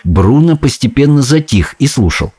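A man reading a children's story aloud in the first person, with an expressive, animated delivery. His voice sits at an ordinary middle pitch but moves a lot. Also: moderate pace, husky. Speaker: audiobook reader.

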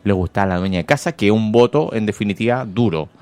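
A man's voice: fairly low pitch, fast, darkish tone, no room sound. A man with a Chilean accent hosting morning radio, chatting wryly about politics and reading listener messages aloud. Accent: Chilean Spanish. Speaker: radio host. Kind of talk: casual morning radio commentary.

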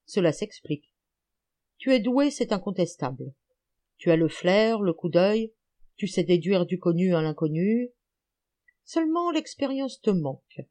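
A woman reading an audiobook, voicing an elderly, gouty male amateur detective who is excited, teasing and lecturing. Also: mid-range voice, lightly acted.

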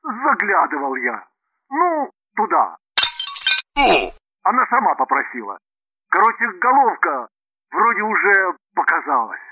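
A man voicing a panicking businessman who shouts desperately and snaps rudely. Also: high voice, lively intonation, a little slow, narrow, tinny audio, heavy background noise, pitched above the performer's own voice. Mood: frantic, shouting. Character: panicking middle-aged male businessman, rude and frantic.

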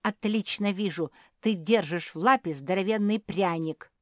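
A woman's voice: medium pitch, moderate pace, no echo, studio quality, natural voice. Woman doing an insistent young girl pug.

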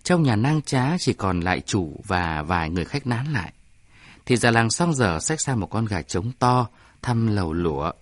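A man's voice: on the low side, big pitch swings, moderate pace, dry recording. Man narrating a story, dry sound.

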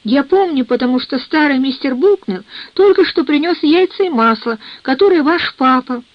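A woman's voice: high-pitched, animated, moderate pace, no echo, voice pushed up. A woman voicing a stubborn, self-righteous older mother who rambles plaintively, in a dull, dry recording. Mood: hopeful.

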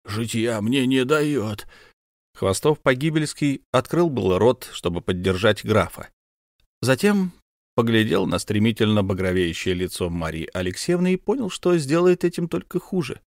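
An audiobook narrator reads a scripted story in an even, measured manner. His voice is on the low side, and the studio sound is clean with no echo.

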